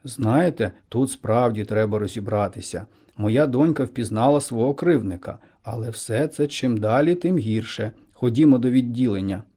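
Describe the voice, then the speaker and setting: A calm, resolute father speaks firmly and evenly, as a male narrator puts him on. His voice is mellow and dark. He sounds like an ordinary adult. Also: medium pitch, normal speed, few pauses, husky, close to an everyday voice.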